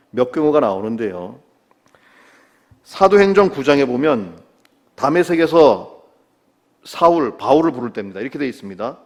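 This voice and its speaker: A middle-aged male pastor preaching a sermon, asking the listeners questions and answering them himself, dropping low to quote scripture. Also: darkish tone. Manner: drops low and slow to quote scripture, rises when stressing a point.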